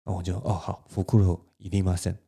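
A man with a Taiwanese Mandarin accent, telling a story on his own podcast in a lively way and laughing now and then. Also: sits low, a little fast, creaky, slightly rough. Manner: animated, laughs between lines. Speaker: podcast host. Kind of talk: solo storytelling.

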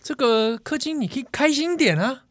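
A man's voice: lively intonation, moderate pace, dry recording, clean studio sound. A man mimicking a chirpy pep-talk giver. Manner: high, sing-song put-on accent. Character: cheery male well-wisher handing out pep talk.

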